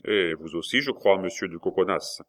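A man reading aloud and voicing a calm, patient young nobleman who speaks in a measured, polite way. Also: low-pitched.

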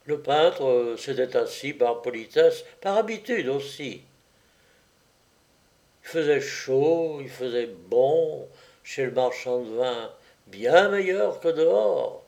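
A man reading a comic story aloud as narrator, in an unhurried, wry way. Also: mid-range voice, expressive, vocal fry, darkish tone.

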